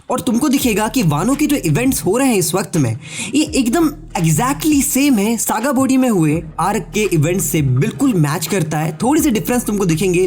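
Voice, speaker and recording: A sore-throated, stuffy-nosed man narrates in a high, slightly mellow voice as an anime theory YouTuber. His separately recorded voice-over is a chatty, casual explainer delivered straight to viewers with English words mixed in.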